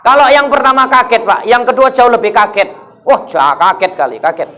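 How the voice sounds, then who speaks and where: Guy preaching, high voice, cracks jokes and keeps asking the crowd. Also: a little fast, sharp tone. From North Sumatra, Indonesia. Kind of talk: humorous sermon. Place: mosque.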